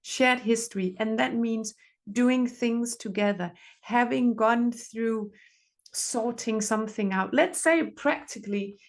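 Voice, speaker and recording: A woman's voice: a little high, slow pace. A middle-aged woman therapist, giving earnest advice in conversation and repeating phrases for emphasis. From Denmark. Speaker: relationship therapist, podcast guest.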